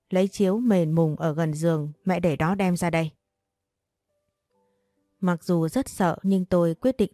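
A young adult woman telling a first-person life story in a calm, even narrating voice. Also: on the low side, no echo.

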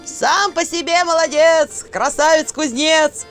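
A woman voicing a brash, lively village matchmaker aunt who praises loudly in a drawn-out, sing-song way. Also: on the high side, soft background music, voice pushed up. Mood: boastful.

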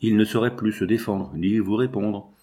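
A gentle widowed mother, humble and pleading in her grief, as a man reading aloud voices her. She speaks softly, in a somewhat low register. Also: steady tone, normal speed, close to an everyday voice.

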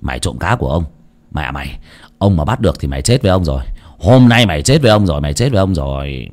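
Man doing a gruff muttering old guard. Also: low-pitched, takes it slowly, warm tone, pitched below the performer's own voice. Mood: grumbling. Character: grumbling old male pond guard.

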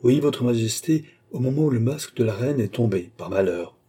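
A man's voice: medium pitch, animated, brisk, mellow, breathy edge. A man reading an audiobook, voicing a devoted young nobleman who speaks with fervent, courtly deference.

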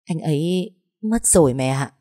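A woman voicing a calm, gentle young woman who speaks softly and with restraint. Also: sits low, moderate pace, no room sound, clean studio sound.

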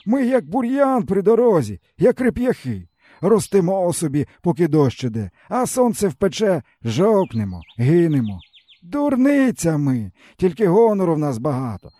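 A man's voice: on the high side, warm tone, dry recording, voice pushed up. A man doing a weary, bitter starving peasant. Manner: mournful, rambling folksy storytelling. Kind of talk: audiobook character reading.

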